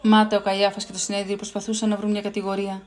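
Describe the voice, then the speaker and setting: A woman reading a Bible story aloud for children in a clear, expressive storytelling voice. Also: medium pitch.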